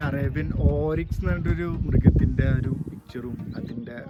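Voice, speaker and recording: Guy vlogging a trip, drops english words in, repeats stuff excitedly, medium pitch, loud music over it. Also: moderate pace, lo-fi sound. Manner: mixes English words into Malayalam. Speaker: travel vlogger and host. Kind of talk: casual travel vlog chat.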